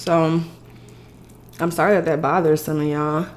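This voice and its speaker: A woman's voice: sits low, flat delivery, normal speed, a little hiss or hum. A woman chatting casually to the camera in a rambling way as she hosts an eating show, eating crunchy fried chicken as she talks. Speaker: mukbang host.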